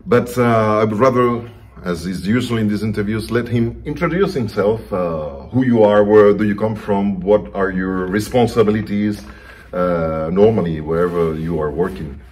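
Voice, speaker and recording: Low-pitched middle-aged man, friendly interviewer, faint background noise. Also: normal speed, darkish tone. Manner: friendly, many short backchannels. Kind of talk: conference interview. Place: indoor conference room.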